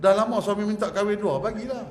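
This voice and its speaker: A man preaching a religious lecture in a mosque prayer hall. He is lively and joking, often asks the audience to agree with him, and ends with a prayer. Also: high-pitched, fast talker. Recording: echoey hall with faint background hum.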